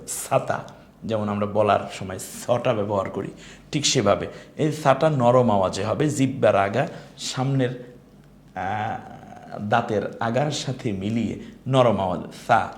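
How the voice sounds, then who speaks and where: A man teaching an online lesson on Quran recitation, patiently modelling each letter sound for the learner to repeat. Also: lowish voice.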